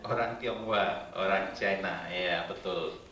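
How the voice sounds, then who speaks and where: Preaching to a church-hall congregation, a middle-aged man from Indonesia trades playful jokes with his listeners as the guest preacher. His voice sits low and a bit bright, and his pace is slow. A distant mic gives roomy church sound with a little hiss or hum.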